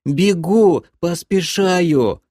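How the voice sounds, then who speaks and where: A man voicing a pitiful, shrill male creature who wails and pleads in an audiobook. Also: extremely slow, dark tone, no echo, studio quality, heavily acted. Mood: whiny. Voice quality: shrill, plaintive. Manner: wailing, pleading, self-pitying. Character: whiny pitiful fish-loving creature, male. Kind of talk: audiobook character voice.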